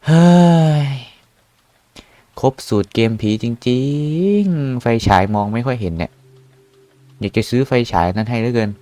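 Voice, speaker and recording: A man's voice: mid-range voice, expressive, a little slow, pauses often, dark tone, dry recording. A young man casually commenting while playing a horror game, jumpy and exclaiming often. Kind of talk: casual let's-play commentary.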